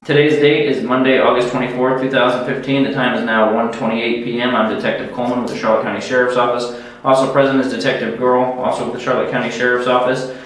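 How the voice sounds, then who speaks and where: Fast-talking detective on an old interrogation tape. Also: male voice, medium pitch, level tone. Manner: formal, procedural questioning. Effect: interrogation tape recording played back. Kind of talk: police interview. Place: jail interview room. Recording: echoey room tape from far off.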